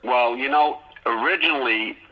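A man's voice: medium pitch, moderate pace, highs cut off. A man co-hosting a radio show as a DJ, rattling off music facts in casual chat and restarting his sentences often. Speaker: guest co-host DJ.

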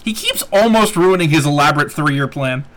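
A man's voice: on the high side, lively intonation, a little fast, a bit bright. A man co-hosting a podcast in casual chat, blunt and swearing freely as he goes through his notes. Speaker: podcast co-host.

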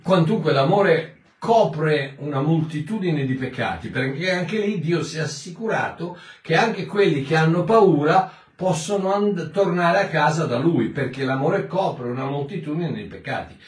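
A man's voice: a little high, animated, normal speed, few pauses. A man teaching from the Bible in a sermon, explaining verses in a conversational, emphatic way. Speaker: preacher. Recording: echoey room, mic at a distance.

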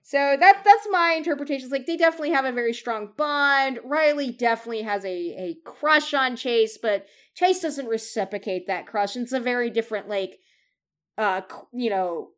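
A woman co-hosting a podcast in casual chat, rambling and cutting herself off with quick asides. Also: a little high, a bit bright. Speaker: podcast co-host.

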